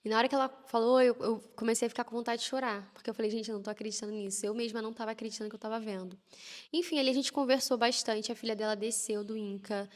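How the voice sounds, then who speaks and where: A woman telling a personal faith story in casual conversation, animated and lively as she acts out what people said. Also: on the high side, rapid-fire, in a large hall. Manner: animated, lively retelling with quoted prayers and laughs. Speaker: guest telling a personal testimony.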